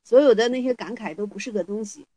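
A woman with a high, bright voice leads a Buddhist study group through a Zen koan. She reads the classical lines slowly and deliberately, then explains them in lively, playful speech full of rhetorical questions. The sound is very dry and close, with almost no room echo.

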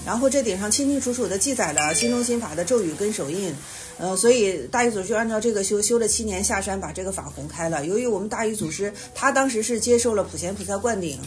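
A woman teaching meditation, answering questions patiently and explaining at length with soft affirming hums. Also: mid-range voice, animated, fast talker. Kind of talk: Buddhist question-and-answer talk.

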